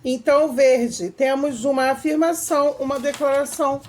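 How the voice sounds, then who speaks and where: A woman's voice: sits high, steady tone, moderate pace, darkish tone, a little hiss or hum. A woman teacher with a Brazilian Portuguese accent, explaining grammar step by step in a recorded video lesson. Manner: explains step by step, reads examples aloud with varied intonation.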